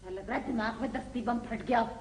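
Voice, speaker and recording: An actress playing a sharp-tongued, sarcastic middle-aged mother and wife in a classic television comedy drama. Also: a little high, fast talker, lightly acted, low-quality recording. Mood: scolding. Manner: sarcastic, scolding.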